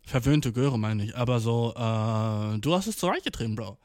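A man's voice: mid-range voice, expressive, moderate pace, darkish tone, no echo, studio quality. A young man casually reacting to a read-out story, blunt and slangy, sprinkling in English words. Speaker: commentator.

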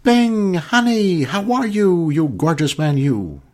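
A man's voice: high-pitched, expressive, slow pace, pitched above the performer's own voice. A man voicing a brassy female talent agent who gushes and flirts, calling people honey. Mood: gushing. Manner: flirty, gushing, calls everyone honey.

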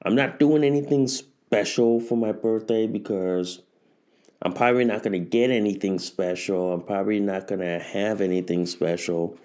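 A man's voice: on the low side, fairly even intonation, moderate pace, a little mellow. A man in his forties hosting a casual solo podcast, rambling and repeating himself as he talks. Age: 40s. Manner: rambling and repetitive, often restarting phrases. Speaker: podcast host.

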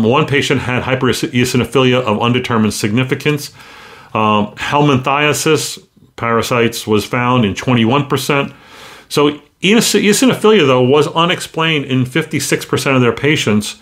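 A man, a physician hosting a short medical show, talking through cases in a halting, conversational way with frequent pauses. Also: medium pitch, a bit bright. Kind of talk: casual clinical talk.

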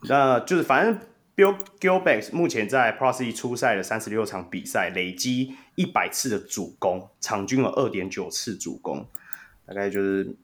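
A man's voice: lowish voice, moderate pace, a bit bright. A man with a Taiwanese Mandarin accent hosting a casual sports podcast, telling stories animatedly and laughing often. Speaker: podcast host.

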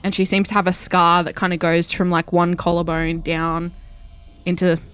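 A woman's voice: fairly low pitch, little pitch movement, moderate pace, fairly bright tone, clear, resonant tone. A woman playing in a tabletop game, describing her character in a chatty, hesitant way, full of likes and sort-ofs. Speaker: player. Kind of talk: casual tabletop play.

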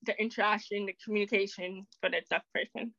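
Quick-talking woman, guest on a call, lo-fi dry audio. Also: medium pitch, no room sound. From an island. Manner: fast-talking, lively, laughs easily. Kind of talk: casual interview. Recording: dull, dry lo-fi sound.

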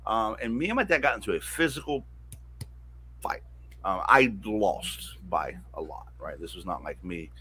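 A man's voice: fairly low pitch, animated, normal speed, sharp tone, a little hiss or hum. A man telling a personal story as an interview guest, candid and profane, often restarting sentences. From American South, mountains.

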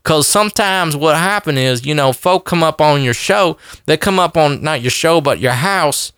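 A man's voice: on the high side, moderate pace, fairly bright tone, smooth, no echo, clean studio sound. A man voicing a folksy Southern cracker with a Southern US accent, giving emphatic, rambling survival tips. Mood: earnest, folksy.

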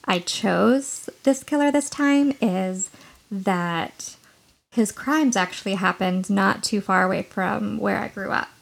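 A woman's voice: medium pitch, slow pace, creaky. A woman from Washington state co-hosting a true-crime podcast, explaining things thoughtfully with a few fillers. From Washington state, United States. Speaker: podcast co-host.

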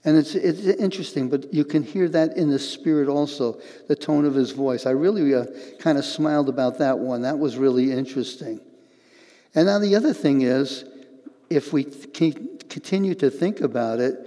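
An older man preaching a sermon as pastor, earnest and halting, often repeating words as he goes. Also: on the high side, dark tone, big-room sound.

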